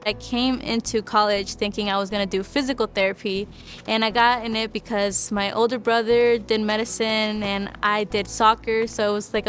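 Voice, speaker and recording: A woman's voice: medium pitch, fairly bright tone. A young woman, a college student, speaking earnestly and reflectively in a documentary interview. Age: young adult.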